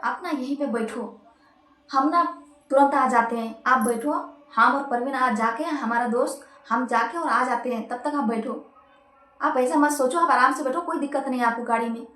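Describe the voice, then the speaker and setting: A stern truck driver , voiced by a woman storyteller, barks curt orders at his helper. His commands are quick and firm. The voice rings in an echoey room. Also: sits high, sharp tone. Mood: commanding. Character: stern male truck driver, bossy and frightened.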